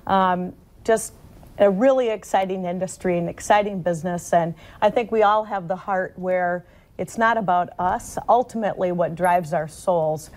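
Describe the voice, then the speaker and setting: A woman's voice: on the low side, moderate pace, darkish tone. A woman auctioneer speaking earnestly and personally as an interview guest.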